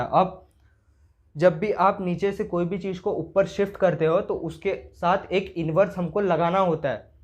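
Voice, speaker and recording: A man teaching circuit analysis, working through each step casually and asking himself questions as he goes. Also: high voice. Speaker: engineering teacher. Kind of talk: explaining circuit problems on a board.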